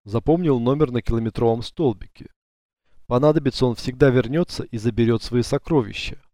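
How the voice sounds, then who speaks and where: Mellow, dry-voiced male audiobook narrator. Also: mid-range voice, dry recording. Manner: even, measured storytelling. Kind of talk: scripted narration.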